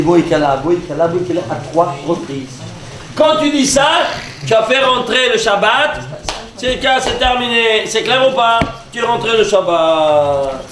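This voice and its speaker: A man, a rabbi, teaching a lively lesson and quizzing his audience. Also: sits high, noisy background. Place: lecture hall with audience. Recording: echoey hall with audience.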